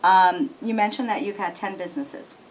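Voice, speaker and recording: A woman hosts a business interview in an eager, upbeat manner at a middle pitch. She regularly repeats points back to confirm them. Faint background noise runs underneath. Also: normal speed, low-quality recording. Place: executive briefing center.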